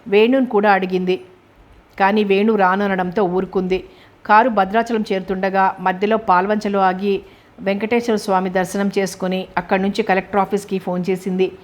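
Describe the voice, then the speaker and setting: A woman narrating a novel as an audiobook in a steady storytelling manner. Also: mid-range voice. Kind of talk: scripted narration.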